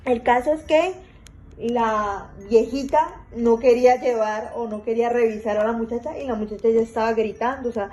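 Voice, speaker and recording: A woman's voice: on the high side, dark tone, lo-fi sound. A woman telling a personal story in a casual monologue. She rambles, repeats herself and uses many fillers.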